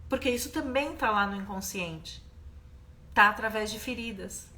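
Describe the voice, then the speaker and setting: A woman's voice: mid-range voice, normal speed, pushed and bright, a little hiss or hum. A Brazilian woman hosting a live stream, talking emphatically and stressing points with repeated questions. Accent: Brazilian Portuguese. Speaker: host of a live stream, therapist.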